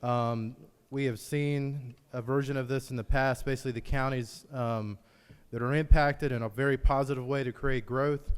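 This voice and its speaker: A man's voice: medium pitch, steady tone, normal speed, clear, resonant tone. A man, a state senator, giving a brief, informal floor speech. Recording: reverberant legislative chamber.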